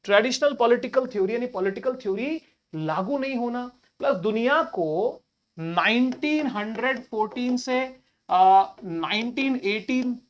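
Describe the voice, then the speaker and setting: A man's voice: very high voice, fairly bright tone, muffled recording. A male teacher explains an exam-prep lesson in a chatty, informal way. He keeps asking his students rhetorical questions and talks to them like friends. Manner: colloquial address to listeners.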